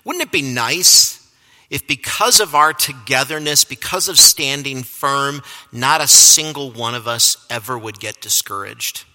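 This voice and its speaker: A man's voice: mid-range voice, a little slow, pushed and bright. A man preaching a sermon, telling a self-deprecating personal story and chuckling at himself. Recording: long reverb of a large hall.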